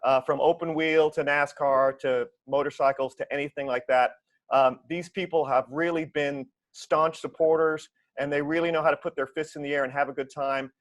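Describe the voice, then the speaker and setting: A rock singer speaking earnestly and gratefully as a guest in a video call interview. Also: male voice, on the high side, steady tone, normal speed. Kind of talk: casual interview chat.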